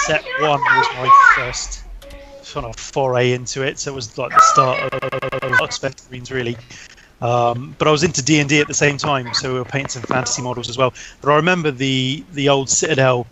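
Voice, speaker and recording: A man's voice: mid-range voice, big pitch swings, moderate pace, heavy background noise. A man reminiscing in casual chat, rambling on with restarts.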